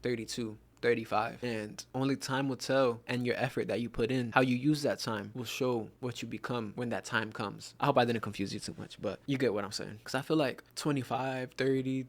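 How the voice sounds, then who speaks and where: A young man in his twenties speaks at a middle pitch in a relaxed, conversational way. He shares motivational advice earnestly and sprinkles in casual fillers as he talks. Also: brisk, hardly any pauses. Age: 20s. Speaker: self-improvement content creator.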